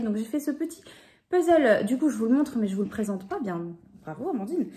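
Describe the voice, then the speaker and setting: Chatty mellow-voiced woman vlogger. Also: a little high. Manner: chatty, many fillers and restarts. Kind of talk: casual craft vlog.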